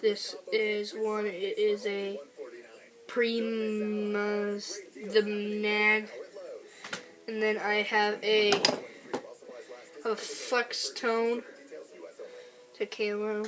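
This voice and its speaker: A woman speaking casually and haltingly in an unscripted amateur vlog, a bit sick with a cold. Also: medium pitch, flat delivery, crowd noise. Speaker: amateur vlogger testing duck calls.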